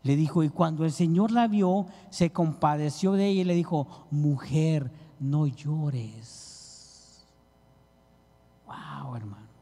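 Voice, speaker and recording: A man preaches a sermon in a church hall. He pleads fervently with his listeners in a voice pitched a little high. Long reverb trails after his words. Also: lively intonation, moderate pace, few pauses, dark tone.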